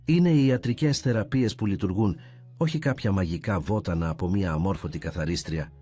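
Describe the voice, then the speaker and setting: A man voicing a wealthy, domineering father who shouts scornfully in a read-aloud story. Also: sits low, soft background music, natural voice. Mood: furious.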